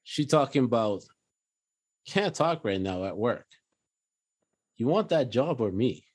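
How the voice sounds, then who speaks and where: A man co-hosting a casual podcast in an easygoing storytelling way. He sometimes breaks into put-on voices to act out scenes. His pitch sits in the middle range. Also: animated, unhurried, darkish tone. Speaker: podcast co-host. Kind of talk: casual chat.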